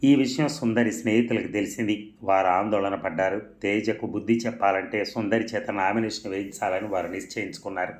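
A man reading a novel aloud as a storyteller, in a steady, plain narrating manner. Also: on the low side, a little fast, few pauses. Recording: roomy echo.

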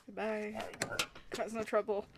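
A woman's voice: medium pitch, level tone, unhurried, heavy background noise. A woman giving casual, flustered running commentary on her gameplay as she plays. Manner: flustered, self-talking, giggly. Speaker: gameplay streamer.

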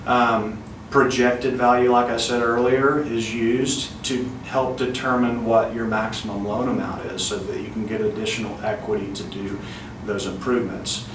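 Loose, easygoing man pitching in an echoey office. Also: moderate pace. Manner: relaxed, conversational, with frequent "um" fillers. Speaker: bank loan officer. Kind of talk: casual to-camera product pitch. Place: indoor office in front of a wall poster. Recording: roomy office sound, slightly distant mic, faint room hiss.

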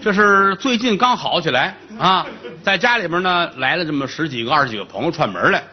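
Lively male storyteller with a lilt. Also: a little high, a little fast, breathy edge, dull audio. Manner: lively, colloquial, comic asides. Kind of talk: traditional comic storytelling.

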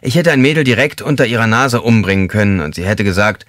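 A man's voice: fairly low pitch, fast talker, fairly bright tone, dry recording, clean studio sound, lightly acted. A man voicing a nervous male prison inmate who stutters, in an audiobook. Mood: wry, nervous. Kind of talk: audiobook character voice.

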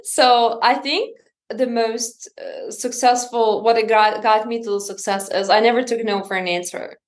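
A woman in her thirties from Lithuania, a company founder talking on a video call in an earnest, energetic way with non-native English grammar. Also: fairly high pitch, normal speed. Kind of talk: casual interview talk. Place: indoor room at home.

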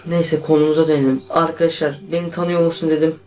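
A man's voice: on the high side, fast, faint music behind. Nervous young Turkish man vlogging. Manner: tense, excitable, addresses viewers as friends. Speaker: YouTuber. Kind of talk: casual vlog to camera.

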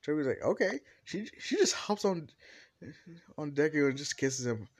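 A man's voice: on the high side, animated, normal speed. A man improvising a fan-fiction story aloud, rambling with many restarts and fillers.

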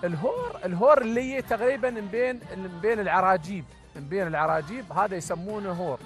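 A man's voice: high voice, fast, soft background music. An Emirati man on a quiz show panel explaining heritage terms, with joking asides.

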